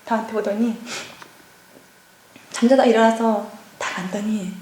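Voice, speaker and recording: A middle-aged woman, a pastor's wife, giving a lively personal testimony at a church seminar and acting out past conversations. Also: medium pitch, measured pace. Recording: echoey church hall.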